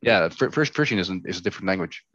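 A young Dutch man speaks English with a Dutch accent, casually rambling and restarting his sentences. His voice sits very low. The sound is dry and a little dull, as from a modest mic. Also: fast, husky, no echo. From Netherlands. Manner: relaxed, rambling, many fillers and restarts. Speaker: guest. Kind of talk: casual interview chat.

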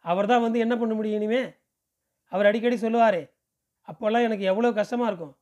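Picture a worn, grieving elderly mother pouring out her anguished private lament about a wayward daughter, as a male reader voices her. She sounds high-pitched and aggrieved in this audiobook reading, with lines that turn over the same complaint again and again. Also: steady tone, quick pace, a little mellow, lo-fi sound, close to an everyday voice. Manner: anguished inner monologue.

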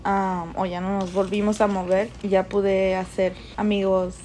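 A woman co-hosts a casual podcast chat, slipping English words into her Spanish. Her voice is mid-pitched, with faint noise behind her. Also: level tone, unhurried, dark tone. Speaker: podcast co-host.

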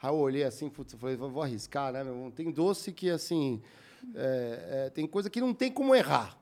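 A young man from Brazil hosting a podcast narrates a long, ordinary story in a relaxed way, animatedly voicing the other characters' lines. His speech is medium-pitched at normal speed, with a Brazilian Portuguese accent.

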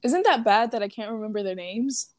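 A woman's voice: fairly high pitch, lively intonation, brisk. A young woman co-hosting a podcast in casual chat, rambling with lots of fillers and frequent laughs. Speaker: podcast co-host.

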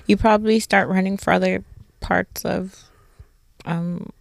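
A woman's voice: mid-range voice, fairly even intonation, unhurried, gravelly, dry recording. A woman co-hosting a podcast, laid-back and giggly in casual chat. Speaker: podcast co-host.

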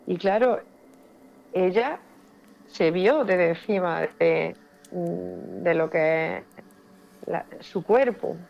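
A woman's voice: lowish voice, very slow, vocal fry, pauses often, highs cut off. A woman from Spain, a paranormal investigator, telling a personal story with feeling and repeating words for emphasis.

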